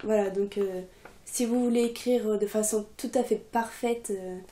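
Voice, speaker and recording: Relaxed young woman teacher, unhurried and chatty, warm low-key tone. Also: reverberant. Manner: relaxed, chatty, many fillers. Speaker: Russian teacher, channel coordinator. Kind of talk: casual video lesson.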